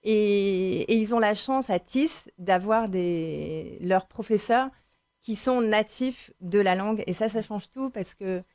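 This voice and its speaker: Mom chatting as a tv guest, goes on at length, lots of euh, dry sound. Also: female voice, medium pitch, slow pace, dry recording. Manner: lively, talkative, with many fillers. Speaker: parent guest. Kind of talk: TV interview.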